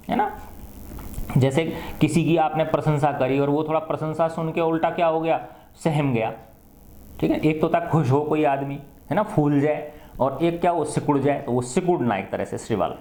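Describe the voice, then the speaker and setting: A male teacher explaining an English play in Hindi, reading English lines slowly and then explaining them with rhetorical questions. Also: on the high side, mellow. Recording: echoey room.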